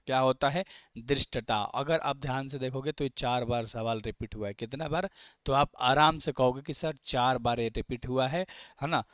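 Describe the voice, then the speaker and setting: A man's voice: mid-range voice, clear, resonant tone, no echo, studio quality. A man teaching exam vocabulary, often asking the students questions and then answering for them.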